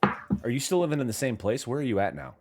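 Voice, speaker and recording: A man's voice: medium pitch, big pitch swings, racing, soft background music. A man hosting an interview, laid-back and casual, who swears easily and calls his guest "dude". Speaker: interview host.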